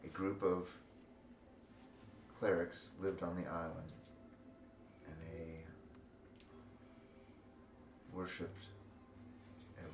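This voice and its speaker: A man's voice: low-pitched, level tone, far from the mic. A man voicing a wise old talking tree in a tabletop fantasy game, speaking in a grave, solemn and disapproving manner. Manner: slow, solemn, portentous. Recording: roomy echo, noisy background ambience.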